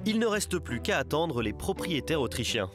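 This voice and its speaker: A man's voice: a little high, very animated, moderate pace. A man reading scripted narration for a documentary. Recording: music under the voice-over.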